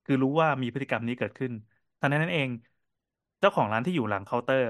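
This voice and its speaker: A man co-hosting a casual podcast, telling cafe stories in a quick, animated way with lots of fillers. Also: medium pitch, no echo, clean studio sound. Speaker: podcast co-host and cafe owner.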